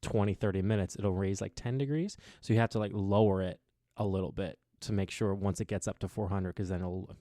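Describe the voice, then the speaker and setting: A man's voice: low voice, steady tone, a little fast, mellow, no echo, clean studio sound. A man hosting a casual podcast on a headset in an apartment, rambling with lots of "like" and trailing thoughts. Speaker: podcast host. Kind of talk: casual chat.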